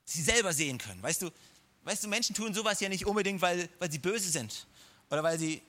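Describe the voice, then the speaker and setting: Bright, high-voiced male preacher. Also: animated, a little fast. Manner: direct, encouraging address to the listener; humorous asides. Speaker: pastor. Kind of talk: sermon.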